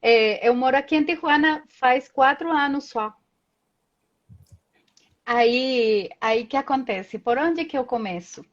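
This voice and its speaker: A woman's voice: high-pitched, takes it slowly. Chatty woman on a lo-fi call. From Colombia. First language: Spanish. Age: 30s. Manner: chatty, storytelling with many tag questions. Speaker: guest. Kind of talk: casual chat in a live video call. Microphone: video call.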